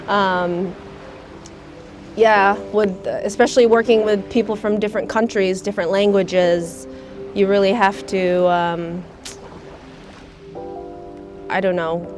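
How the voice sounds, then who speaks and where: A young American woman, speaking thoughtfully in a documentary interview, often pausing with "um" as she searches for words. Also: medium pitch. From United States. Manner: thoughtful, soft-spoken, many hesitations with um. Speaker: volunteer.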